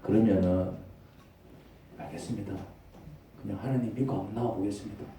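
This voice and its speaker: A male pastor with a Gyeongsang dialect preaching a lively, conversational sermon that acts out dialogues. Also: on the low side, fairly quick, slight background noise. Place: church sanctuary. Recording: echoey church hall, mic far off.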